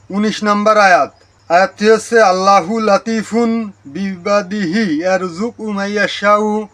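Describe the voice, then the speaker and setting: A man's voice: high-pitched, pushed and bright. A man with a Bangladeshi Bengali accent hosting his channel, giving a religious lesson and carefully repeating Arabic words to correct their pronunciation. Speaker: Islamic teacher and channel host. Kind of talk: religious lesson on Quran recitation.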